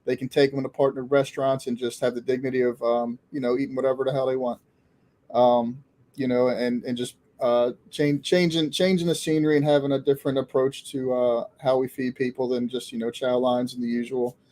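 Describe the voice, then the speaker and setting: A man co-hosting a live community conversation, talking in a halting way with many restarts. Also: medium pitch, flat delivery, dark tone. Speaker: co-host.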